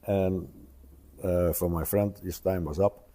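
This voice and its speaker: A man in his seventies, an interview guest, speaking hesitantly with many pauses and tag questions. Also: deep voice, steady tone, dark tone. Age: 70s. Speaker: interview guest, retired traveler. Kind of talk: casual conversational interview.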